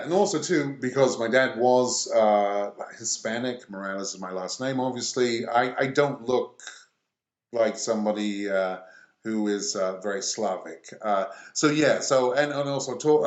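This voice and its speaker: A middle-aged man from England, speaking as an interview guest in a halting way, pausing often between phrases. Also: medium pitch, lo-fi sound. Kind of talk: conversational interview. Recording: echoey room.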